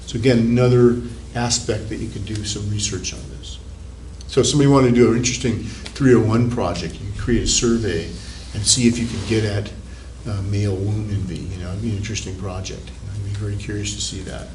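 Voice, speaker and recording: A man's voice: fairly low pitch, fairly even intonation, fairly quick, darkish tone. A male psychology professor giving a conversational classroom lecture, rambling with restarts and repeated words. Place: university classroom. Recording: echoey classroom, recorded from a distance, faint room hiss.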